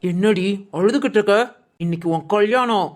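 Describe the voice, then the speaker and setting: A woman's voice: mid-range voice, normal speed, a little hiss or hum, close to an everyday voice. A woman playing a cruel, greedy middle-aged stepmother in a village drama, harsh and bossy. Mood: scolding.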